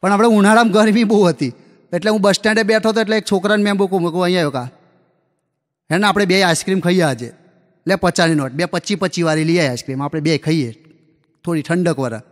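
High-voiced man telling folksy stage jokes. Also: quick pace. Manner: folksy anecdotal delivery, acts out dialogue. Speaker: stand-up comedian telling school jokes. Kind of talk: live stand-up storytelling. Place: live comedy stage before an audience. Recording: long hall reverb from a live show.

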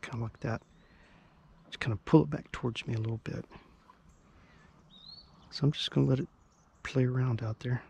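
A man with a gravelly Midwestern voice talks in an easygoing, chatty way, walking through each cast as he fishes. He sounds like he is outdoors by a river, recorded on a small camera mic. Faint birds and outdoor hiss sit behind him. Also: mid-range voice, steady tone, normal speed, long pauses, a little mellow. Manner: chatty, easygoing, explains as he goes. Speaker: fishing vlogger. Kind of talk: casual narration while fishing. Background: faint birds and outdoor ambience.

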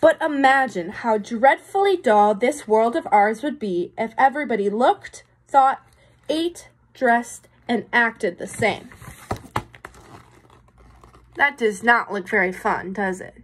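Speaking slowly at a fairly high pitch, with slight background noise, a young adult woman reads a picture book indoors in a small room. Like a teacher, she explains things along the way and puts questions to her young audience.

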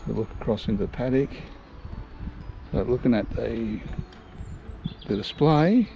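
A man's voice: mid-range voice, expressive, unhurried, creaky, dark tone, lo-fi sound, slight background noise. A middle-aged Australian man outdoors, chatting and admiring the sights as he walks and films. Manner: chatty, admiring commentary while walking. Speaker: vlog host. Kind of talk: walking vlog commentary. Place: outdoors on village lanes and woodland paths.

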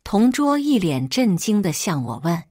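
A woman reading a first-person story aloud in an expressive storytelling manner. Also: medium pitch, moderate pace, slightly rough, no room sound, studio quality. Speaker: story reader.

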